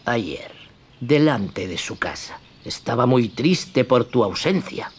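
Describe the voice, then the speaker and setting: A storyteller voicing a sly, smooth-talking fox in a hushed, coaxing, half-whispered voice. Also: medium pitch, lively intonation, slow. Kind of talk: storybook reading.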